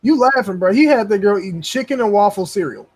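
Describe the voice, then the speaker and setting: Young man, high voice, podcast host, casual profane chatter, animated storyteller. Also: quick pace. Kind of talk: casual gaming podcast chat.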